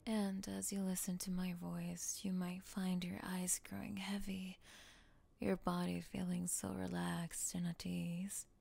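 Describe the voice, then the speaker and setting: A woman voicing a calm young woman who frees her boyfriend by counter-hypnosis, speaking softly and soothingly in an audio roleplay. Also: on the low side, a little slow, vocal fry, breathy edge, full character voice. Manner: soft, whispery, soothing hypnotic delivery.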